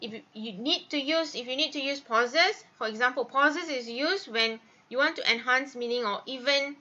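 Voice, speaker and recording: A woman's voice: sits high, pushed and bright, dull audio. A woman teacher giving a recorded lecture, explaining step by step and often checking in with "okay" between fillers.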